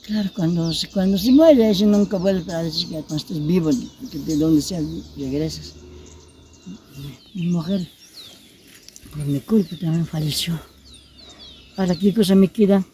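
A woman voicing a grieving middle-aged man just out of prison, talking low, mournful and pleading outdoors in the countryside. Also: moderate pace, long pauses, mellow, slight background noise, natural voice.

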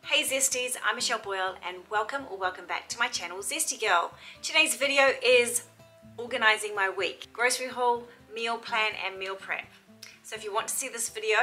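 A woman's voice: on the high side, bright, forceful tone, poor audio. A woman, chatting upbeat and rambling to camera at home about her week. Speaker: lifestyle vlogger. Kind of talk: casual chat to camera. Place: home room, then kitchen table.

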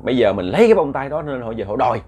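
A man's voice: medium pitch, very animated, very fast, darkish tone, slightly rough. A frightened, greedy old village woman from a spoken ghost story talks things through in plain quoted speech, told by a male narrator. The voice stays close to his own. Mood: worried.

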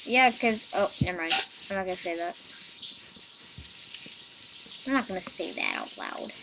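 A woman's voice: mid-range voice, brisk, heavy background noise. A woman hosting casual gameplay commentary on a computer mic, rambling and chatty with lots of "like". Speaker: gaming channel host.

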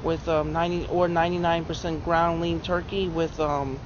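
A young man answering questions outdoors in a parking lot, halting and full of fillers and restarts. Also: a little high, level tone. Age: young adult. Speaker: client on a diet plan. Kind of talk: casual outdoor interview. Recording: dull audio with outdoor noise.

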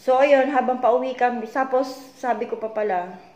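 A woman from the Philippines vlogging, anxiously retelling conversations in a low, weak voice. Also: normal speed, a little mellow. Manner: retells conversations, repeatedly tagging them with "she said"; worried, confiding tone. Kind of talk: personal story-time vlog. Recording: echoey room with faint background noise.

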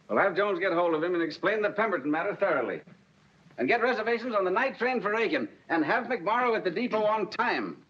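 An actor playing a brisk, commanding older boss of a law firm in a 1930s film, on a dull old soundtrack with hiss. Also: male voice, sits high, big pitch swings, breathy edge, exaggerated voice. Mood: kindly.

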